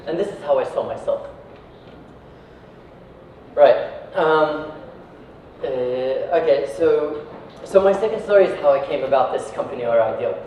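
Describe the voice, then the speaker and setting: Heard through a distant mic, this Iraqi man has a fairly high, warm voice and a measured pace. He's a company founder giving a relaxed talk to an audience, sprinkling in short checks like "right" and "yeah." The echoey indoor room makes the recording dull, with a little faint noise.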